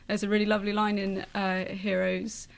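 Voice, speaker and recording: A woman's voice: medium pitch, level tone, brisk, gravelly. A woman speaking as a playwright guest in a radio interview, explaining her work.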